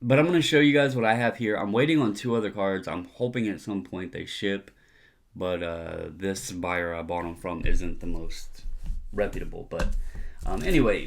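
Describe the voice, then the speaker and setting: Low-voiced middle-aged man, casual and opinionated. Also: normal speed. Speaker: hobby video host.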